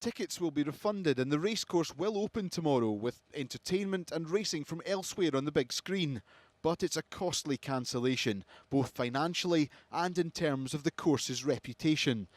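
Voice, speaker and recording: A man's voice: on the high side, lively intonation, moderate pace, no echo. A man delivering a broadcast news report as a reporter.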